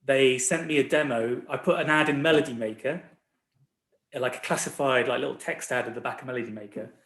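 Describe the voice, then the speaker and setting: This casual chat features a record label owner in his forties, a guest who rambles easily and pokes fun at himself. He talks fairly quickly in a medium-pitched, fairly bright voice with fairly even intonation, and the room echoes.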